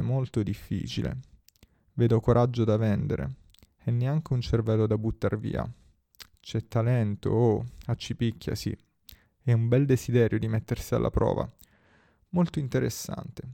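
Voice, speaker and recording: A man voicing an ancient, shrewd magic talking hat, speaking slowly and probingly. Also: medium pitch, steady tone, vocal fry, mellow, dry recording. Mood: musing. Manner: slow, musing, probing.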